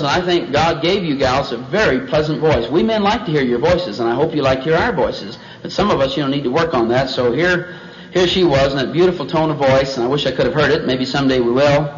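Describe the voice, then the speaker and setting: A man teaching a Bible passage in a folksy sermon, chatty, with joking asides. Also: mid-range voice. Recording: dull lo-fi recording.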